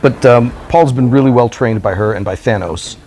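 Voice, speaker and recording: A man's voice: mid-range voice, moderate pace, darkish tone, slight background noise. A man co-hosting a casual movie review chat, blunt and jokey, swearing freely, with a dry, strained throat. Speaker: podcast co-host.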